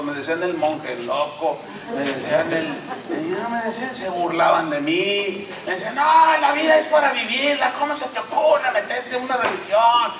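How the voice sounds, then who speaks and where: Mexican pastor preaching in an echoey church. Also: male voice, sits high, background noise. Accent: Mexican Spanish. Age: 50s. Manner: animated, acts out dialogue in shifting voices. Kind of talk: sermon with storytelling. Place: church sanctuary. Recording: echoey church hall, mic at a distance.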